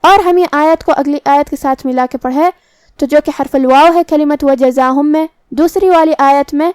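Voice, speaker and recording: A woman teaching Quran recitation rules, explaining each pronunciation point slowly and carefully. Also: high voice, a little mellow, dry recording, clean studio sound. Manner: slow, careful explanations with demonstrated words.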